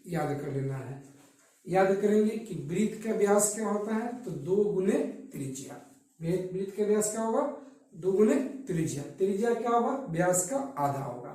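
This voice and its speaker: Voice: mid-range voice, big pitch swings, normal speed, warm tone. A teacher giving a blackboard maths lesson who keeps asking questions and answering them, repeating the key terms. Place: study centre classroom. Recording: echoey room, distant from mic.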